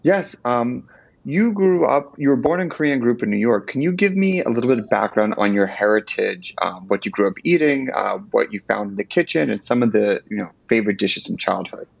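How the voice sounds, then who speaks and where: A man hosting a podcast, asking relaxed, conversational questions. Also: medium pitch, brisk, vocal fry, husky, no room sound, muffled recording. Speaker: podcast host. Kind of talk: casual interview.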